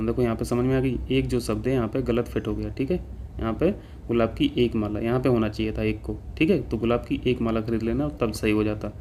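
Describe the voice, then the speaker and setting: A man's voice: mid-range voice, dark tone, slight background noise. A man teaching an exam-prep class, walking through answers step by step and checking in with students again and again. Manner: explains step by step, keeps checking with "ठीक है".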